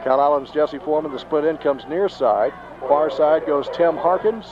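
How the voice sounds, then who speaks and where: A man with a Texan accent calling high school football play-by-play, excitable and rising sharply on big plays. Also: moderate pace, a crowd in the background. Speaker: play-by-play announcer. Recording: dull lo-fi 1990s broadcast tape, faint noise.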